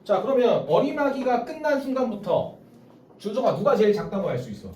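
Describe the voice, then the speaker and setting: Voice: mid-range voice, big pitch swings, fairly quick, darkish tone. A math tutor leading a small-group lesson in a classroom, explaining step by step and calling on students by name. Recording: roomy sound from a distance.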